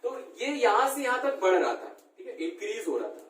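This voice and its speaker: High-voiced male teacher in an echoey classroom. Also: very animated, fairly quick. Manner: keeps quizzing students, checks understanding with short questions. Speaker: math teacher. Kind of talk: classroom lesson. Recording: echoey room, mic far off, faint background noise.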